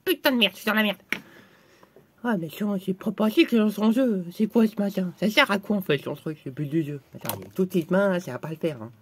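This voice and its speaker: A shrill, high-pitched little comedy character who curses nonstop, as a man puts him on. He bickers and squabbles in a crude, silly sketch voice. The recording is dry and close, with no room sound at all. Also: expressive, a little fast, slightly rough, no echo. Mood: panicked. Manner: crude swearing, bickering back and forth. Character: squeaky foul-mouthed little guy playing with a voodoo doll.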